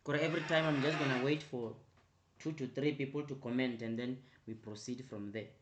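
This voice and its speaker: A man teaching an online accounting revision class, repeating his prompts and growing louder and more emphatic as he explains. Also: medium pitch, steady tone, background noise. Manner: repetitive, prompting with "right?" and "quickly". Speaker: accounting tutor.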